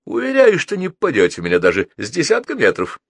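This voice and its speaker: A man's voice: on the high side, wildly swooping pitch, fast talker, creaky, dry recording, clean studio sound, pitched above the performer's own voice, exaggerated voice. A man voicing a bold, cheeky teenage boy who taunts with mock politeness in an audiobook.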